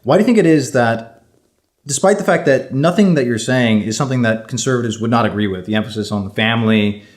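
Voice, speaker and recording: A man interviewing a guest, building long, measured questions with frequent restarts. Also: medium pitch.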